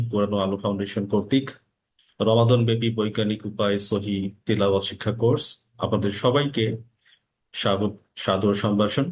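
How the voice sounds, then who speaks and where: A man teaching an online Quran recitation lesson, slowly drawing out Arabic letter sounds and reciting short phrases. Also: lowish voice, a little mellow. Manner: slow, drawn-out demonstration of Arabic letter sounds.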